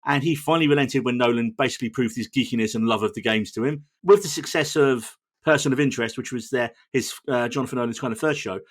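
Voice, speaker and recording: Man, podcast host, rapid talker, casual, cheeky swearing. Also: medium pitch. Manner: quick, chatty, swears freely.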